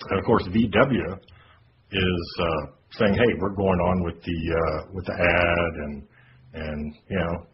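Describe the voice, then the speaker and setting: A man hosting a casual podcast, talking through a news story with many fillers and hesitations. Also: low voice. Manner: hesitant, many fillers, reads quotes aloud. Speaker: podcast host. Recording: dull lo-fi podcast audio with noise.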